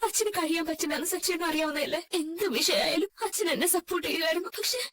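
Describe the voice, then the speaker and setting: A woman plays an anxious, tearful young wife in a dubbed television serial. Her voice sits very high, and she pleads with her husband in a distressed way. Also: fast talker, a bit bright. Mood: pleading. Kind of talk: Malayalam serial fan dub.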